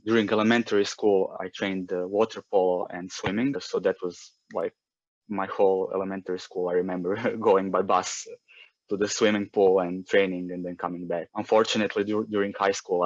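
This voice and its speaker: Croatian man, 30s, very low voice, halting delivery with fillers. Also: little pitch movement, no echo, lo-fi sound. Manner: hesitant, many fillers and restarts. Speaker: guest. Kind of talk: casual interview.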